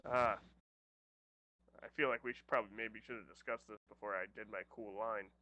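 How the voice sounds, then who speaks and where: A man's voice: lowish voice, fairly even intonation, brisk, sharp tone. A man playing in an online tabletop game who jokes and mocks his own flubs. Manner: self-mocking, joking. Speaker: player. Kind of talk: casual tabletop play.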